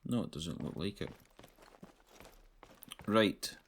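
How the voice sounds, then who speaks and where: Low-voiced man narrating a game. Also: animated, slow, slight background noise. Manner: low-key, thinking aloud. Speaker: gamer. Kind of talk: casual gameplay commentary.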